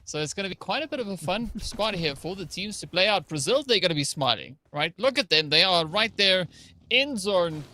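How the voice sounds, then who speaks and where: A man's voice: high-pitched, lively intonation, brisk, pushed and bright. A man co-casting an esports match, talking at length and often adding "right?" to his points. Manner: wordy, fills with "right?" and "like". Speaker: esports caster. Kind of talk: esports color commentary.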